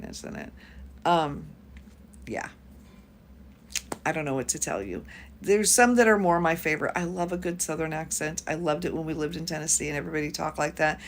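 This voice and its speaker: A woman's voice: on the low side, slight background noise. A woman in her fifties from the United States, hosting a casual livestream chat and reading out viewer comments as she talks. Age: 50s. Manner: chatty, reads out viewer comments. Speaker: YouTube host.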